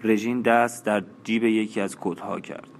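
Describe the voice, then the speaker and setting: Low-voiced male audiobook narrator, measured and even. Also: a little hiss or hum.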